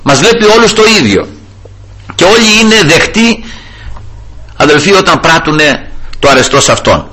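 A man's voice: on the high side, animated, pauses often, pushed and bright, husky. A man preaching a fervent sermon, addressing the brethren often and repeating refrains of praise to the Lord.

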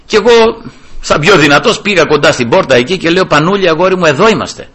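A man's voice: fairly high pitch, animated, fairly bright tone, husky. An older man preaching a sermon, telling a personal testimony with passion that climbs to fervent peaks.

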